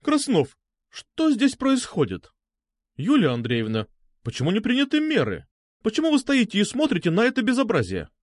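A man's voice: high voice, wildly swooping pitch, normal speed, no echo, studio quality, voice pushed up, full character voice. Guy doing a stern lady teacher w/ a big contralto, scolding, swings way up and down. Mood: outraged. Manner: scolding, outraged. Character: stern older woman teacher, contralto, indignant.

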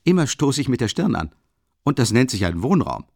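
A man voicing a boisterous young male student in an audiobook, booming and exclaiming. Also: sing-song, a little fast, creaky, darkish tone, dry recording, studio quality. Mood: hearty, boisterous. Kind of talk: audiobook character reading.

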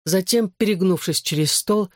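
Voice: mid-range voice, moderate pace, no echo, clean studio sound. Tense first-person audiobook narrator. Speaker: audiobook reader.

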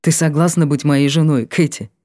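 A proud noble lord, read by a woman in an audiobook, speaking slowly and formally. The voice sits low and sounds mellow, and the recording is dry and close. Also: fairly even intonation, dry recording, natural voice. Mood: solemn.

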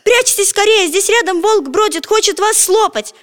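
A woman's voice: very high-pitched, expressive, moderate pace, pitched above the performer's own voice. A woman voicing a bold, bossy schoolboy in a children's story, urgent and commanding. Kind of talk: storybook reading. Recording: long echoing reverb.

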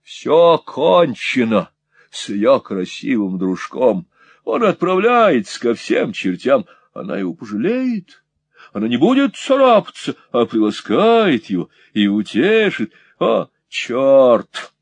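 A man's voice: medium pitch, very animated, slow pace, heavily acted. A man voicing a vain, cowardly dandy who pleads and wheedles theatrically in an audiobook. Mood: wheedling. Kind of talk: audiobook character voice.

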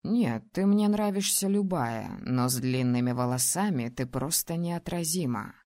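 A woman voicing a young male ruler in an audiobook, teasing and domineering, speaking low, slow and calm. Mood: gentle. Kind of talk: audiobook character voice.

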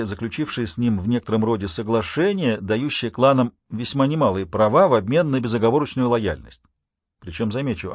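A male audiobook narrator telling a first-person story with dry, ironic asides. His voice sits at an ordinary middle pitch. The recording is dry and close, with no room echo.

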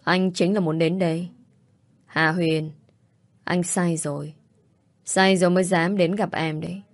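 A woman voicing a drunk, remorseful young man who calls out loudly and mumbles. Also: on the low side, steady tone, unhurried, dry recording. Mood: drunken mumbling. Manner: loud drunken calling and slurred mumbling.

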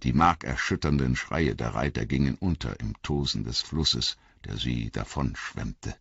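A man narrating an audiobook with dramatic, expressive storytelling. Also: rumbling low, a little slow, creaky, breathy edge, no room sound, muffled recording. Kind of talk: scripted narration.

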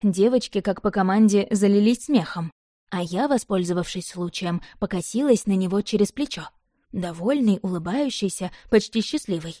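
A woman reading a novel aloud in the first person, expressive and lively. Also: medium pitch, normal speed, no room sound, clean studio sound. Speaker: narrator. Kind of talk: audiobook narration.

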